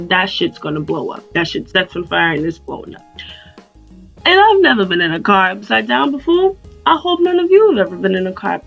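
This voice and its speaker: A young woman tells her story to the camera in a loose, animated, profane way, at an ordinary middle pitch. The sound is a bit dull and lo-fi, and faint music plays underneath. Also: vocal fry. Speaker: vlogger. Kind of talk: storytime vlog.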